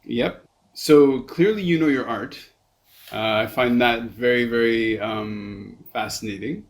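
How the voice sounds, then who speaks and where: A man hosting a podcast in casual chat, halting and repeating words as he thinks. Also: medium pitch. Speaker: podcast host.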